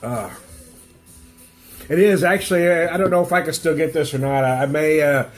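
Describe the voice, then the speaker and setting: At a moderate pace and with a slightly high voice, a middle-aged man congested from a cold rambles through a beer tasting at home, frequently chuckling as faint music plays in the background.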